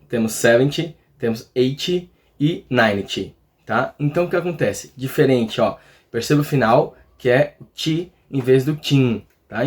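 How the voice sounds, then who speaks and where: A man with a Brazilian accent teaching a casual lesson, chatty, checking in often with his listeners. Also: mid-range voice. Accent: Brazilian Portuguese. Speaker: English teacher.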